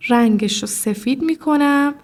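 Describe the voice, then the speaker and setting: Female tutor, slightly high voice, casual step-by-step screen tutorial, talks straight to the viewer. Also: a little mellow. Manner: explanatory, addresses viewer directly, frequent "look". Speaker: video editing tutor.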